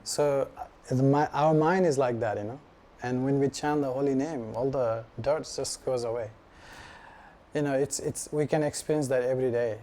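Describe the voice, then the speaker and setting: A man from Nepal, giving a casual personal testimony at a devotional gathering in a relaxed, halting way full of 'you know' fillers. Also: mid-range voice. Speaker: devotee sharing his practice at a gathering.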